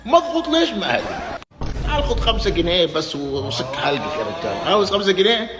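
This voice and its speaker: A man's voice: fairly high pitch, sing-song, quick pace. A man rants like a mocking football fan, jeering and laughing as he talks. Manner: taunting, laughs while jeering. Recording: echoey roomy recording with clear background noise.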